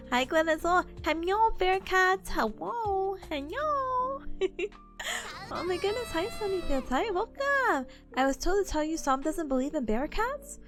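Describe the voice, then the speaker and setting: Young female VTuber host, cute anime-streamer delivery, very high voice, playful and bubbly, music underneath. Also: fairly bright tone. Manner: playful, giggly, drawn-out exclamations. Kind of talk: casual livestream chat greeting viewers. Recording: music playing behind the voice.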